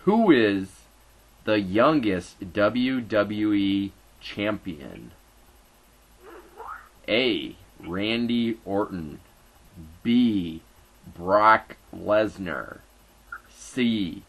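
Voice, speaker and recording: Sports show host, man, bright voice that swings up and down, slow and playful delivery. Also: fairly low pitch, lively intonation, poor audio. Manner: playful, hyped announcer flourishes, squealing catchphrase. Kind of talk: casual sports talk show banter.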